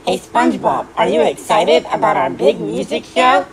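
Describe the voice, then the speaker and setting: Woman doing a lower, friendly Patrick. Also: big pitch swings, normal speed, background noise. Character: friendly dim male starfish.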